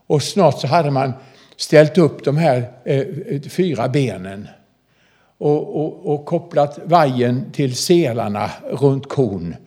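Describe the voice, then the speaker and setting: An older prison minister from southern Småland, Sweden, delivers a storytelling sermon in a folksy, animated way, addressing listeners directly. His voice sits at a middle pitch.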